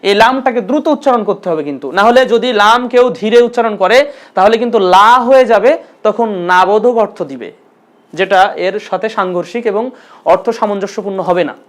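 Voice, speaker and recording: A man's voice: high-pitched, fairly quick. Man, grammar teacher, online lesson, patient, repetitive, self-questioning. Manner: patient, repeats terms, asks and answers own questions.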